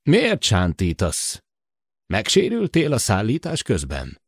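A man's voice: lowish voice, huge pitch swings, slightly rough, no room sound, studio quality, pitched above the performer's own voice, exaggerated voice. A man voicing a courteous, curious human explorer who asks probing questions in an audiobook. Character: polite, curious, calm human male explorer.

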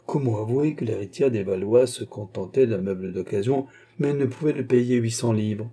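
Dark husky male audiobook narrator. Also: mid-range voice, fairly quick. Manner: steady literary reading. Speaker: audiobook reader. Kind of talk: scripted narration of a classic novel.

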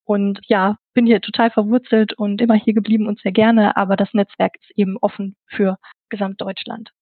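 A woman's voice: medium pitch, level tone, normal speed, no room sound. Woman on a tinny phone line. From Ruhr area, Germany. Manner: chatty, fills with "genau". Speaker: podcast guest, network manager. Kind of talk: casual interview talk.

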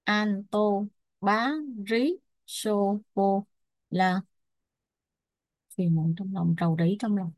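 Một người phụ nữ đang giảng bài, đọc chậm từng thuật ngữ, đánh vần rồi giải nghĩa như cho học viên chép. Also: female voice, medium pitch, level tone, darkish tone, no echo, studio quality. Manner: spells out Pali terms and glosses them slowly. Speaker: Buddhist Abhidhamma teacher. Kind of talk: slow dictation-style teaching.

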